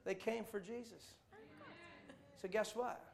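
A man preaching to a congregation, telling travel stories in a jokey, animated way with playful mock voices. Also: high-pitched, slow, gravelly. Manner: jokey, does voices and mock accents in quotes. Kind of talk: animated sermon storytelling.

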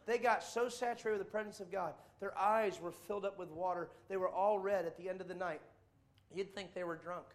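A man preaching to a congregation, telling travel stories in a jokey, animated way with playful mock voices. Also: high-pitched, a little fast. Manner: jokey, does voices and mock accents in quotes. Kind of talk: animated sermon storytelling.

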